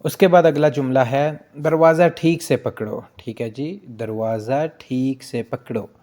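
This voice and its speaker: Slow, mellow-voiced man teaching phrases. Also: medium pitch. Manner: slow, repeats each phrase and asks "ठीक है जी". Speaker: language teacher. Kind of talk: casual spoken language lesson.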